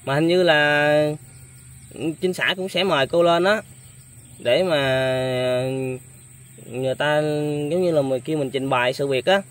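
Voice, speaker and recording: A man's voice: on the high side, measured pace, fairly bright tone. A young man hosting a casual interview, speaking politely with many hesitant fillers. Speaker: vlogger host.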